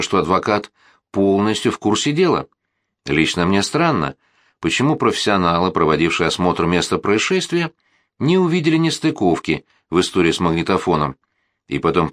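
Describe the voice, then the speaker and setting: A man's voice: on the low side, fairly bright tone, no echo, clean studio sound. A man reading the part of a woman amateur sleuth in an audiobook, asking pointed, argumentative questions.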